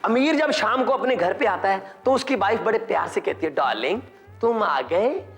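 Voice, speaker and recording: An Indian man performing a stand-up comedy monologue on a TV comedy show, animated and slipping into character voices as he jokes. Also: sits high, brisk, faint music behind. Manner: animated, mimics characters mid-joke.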